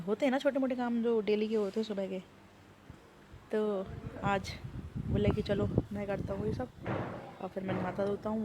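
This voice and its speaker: A young woman with a sore throat, talking slowly and softly in a casual home vlog from a sunny rooftop. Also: mid-range voice, a little hiss or hum. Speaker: vlogger.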